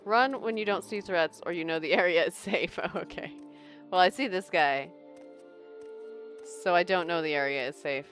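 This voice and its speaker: A woman's voice: on the low side, moderate pace, fairly bright tone, faint music behind. A woman streamer giving casual, playful gameplay commentary, chatting to viewers and thinking aloud. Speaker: game streamer.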